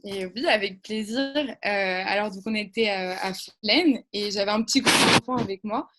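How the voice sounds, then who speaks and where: A woman's voice: mid-range voice, normal speed, fairly bright tone. A young woman, a camp counselor, telling an anecdote as a guest on a radio show, hesitating often and laughing at herself. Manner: hesitant, many fillers and restarts, laughs at herself.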